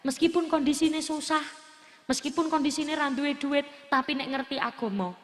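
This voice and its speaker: A woman's voice: sits high, normal speed. A woman with an East Javanese accent preaching a sermon to a live crowd, telling stories with humor, acting out family members, and asking the audience questions. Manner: lively storytelling, acting out quoted family members. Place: large gathering hall or open-air stage. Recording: long hall reverb from a live event PA.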